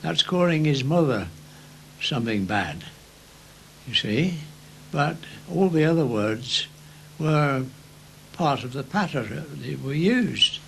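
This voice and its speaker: A very elderly Englishman, a war veteran, remembering his service in an unhurried, anecdotal interview style. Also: on the high side, lively intonation, vocal fry, slight background noise, poor audio. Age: very elderly, 90s or older. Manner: unhurried anecdotal telling, acting out remembered shouts. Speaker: First World War veteran. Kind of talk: old veteran reminiscing in an interview.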